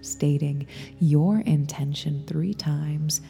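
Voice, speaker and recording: Faint music plays beneath a woman's very low, mellow, breathy whisper as she guides a meditation. Gentle and soothing, she talks at an extremely slow pace, each phrase fading into long reverb.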